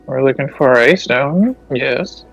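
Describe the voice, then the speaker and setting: A man's voice: mid-range voice, takes it slowly, gravelly, fairly bright tone, faint music behind. A man playing a tabletop game, improvising casual in-character dialogue through a dull voice channel.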